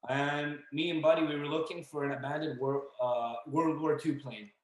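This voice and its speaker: A young man telling a story as a podcast guest, casual and animated, acting out the voices of the people in it. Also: on the high side, normal speed. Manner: animated, acts out dialogue and yelling. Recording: echoey room.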